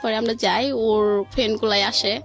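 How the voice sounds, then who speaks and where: With a fairly high pitch, a steady tone and a moderate pace, a Bangladeshi-accented woman shares a personal story. Her telling is informal and colloquial, built from linked events and quoted dialogue, and faint music runs underneath in the radio studio.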